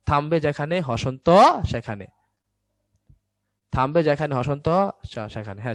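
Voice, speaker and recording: A young man teaches a Bangla grammar class online. His voice sits at an average pitch and keeps checking in with quick questions, then answers them himself. The sound is close and dry, with no room echo. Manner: quizzing students, answering his own questions. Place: indoors, recorded for an online class.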